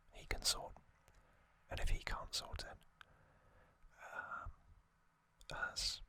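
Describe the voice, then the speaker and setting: An ASMR host whispers unscripted commentary at an unhurried pace, his breathy, unvoiced delivery very crisp and sibilantly bright. His voice stays even throughout as he speaks off the cuff, pausing thoughtfully.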